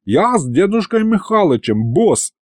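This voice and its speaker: A man's voice: high-pitched, sing-song, measured pace, a little mellow, no room sound, studio quality, pitched above the performer's own voice, exaggerated voice. A man voicing a brash, cheeky young underling who wheedles his boss.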